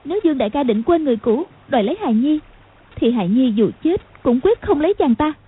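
A woman voicing an anxious young daughter in an audiobook reading, pleading urgently in a husky voice. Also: high voice, animated, a little fast, phone-quality sound, pitched above the performer's own voice.

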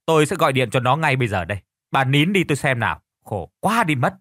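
A gruff old farmer husband grumbles and scolds, his voice rising and falling with exasperation. A man acts him out in a dry, close recording. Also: mid-range voice, big pitch swings, quick pace, fairly bright tone, no echo. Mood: placating. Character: gruff older farmer husband, irritable but softening.

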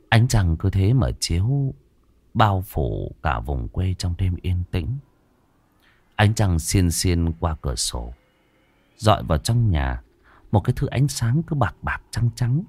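Expressive low-voiced male ghost story narrator. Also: no room sound.

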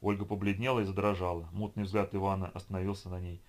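A man reading an audiobook in a steady, measured storytelling manner. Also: low-pitched. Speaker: audiobook reader. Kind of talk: scripted audiobook narration.

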